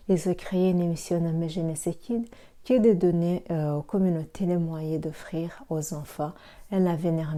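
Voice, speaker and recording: A woman from Rwanda delivers a prepared presentation in a very dark, mellow voice pitched a little low. She reads steadily, with hesitant fillers here and there. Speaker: pharmacy assistant and network marketer.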